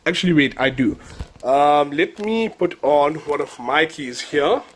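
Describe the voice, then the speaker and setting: A man's voice: fairly high pitch, lively intonation, a little slow. Male hobby reviewer, South African accent, stuffy nose from a cold, upbeat, repeats himself. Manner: enthusiastic, repeats words, many fillers. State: nasal from a cold. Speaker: collectibles reviewer. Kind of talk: casual product review.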